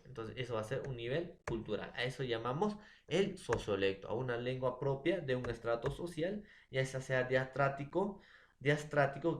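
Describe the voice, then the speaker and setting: A young man giving a classroom presentation, often turning to the teacher and using many fillers and tag questions. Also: mid-range voice. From Peru. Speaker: student presenting a lesson. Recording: echoey room.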